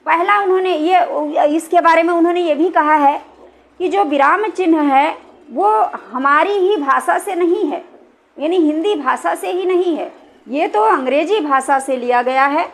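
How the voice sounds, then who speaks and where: A woman with a high, light voice teaches a grammar lesson. She talks patiently, repeats her points and keeps checking that her listeners follow. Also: unhurried. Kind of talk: explaining a Hindi grammar lesson.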